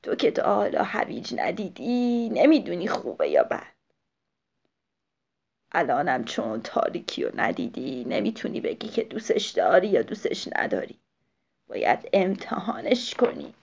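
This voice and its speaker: A woman's voice: lowish voice, huge pitch swings, creaky, darkish tone, slightly rough, voice pushed down, full character voice. A woman voicing a kind, lonely old woman in a children's story, speaking in a soothing, wise way.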